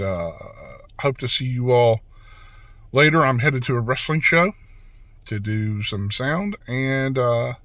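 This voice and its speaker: A man's voice: mid-range voice, a bit bright, no room sound. A man, chatting casually through a video review, rambling with fillers and restarts, and hiccuping. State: has the hiccups. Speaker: wrestling channel host.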